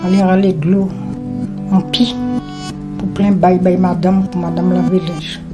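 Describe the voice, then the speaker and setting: A woman, telling her life story in a lively way and acting out what people said. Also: fairly low pitch, unhurried, over loud music. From French Guiana. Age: 70s. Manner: lively storyteller who acts out remembered dialogue. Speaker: interviewee.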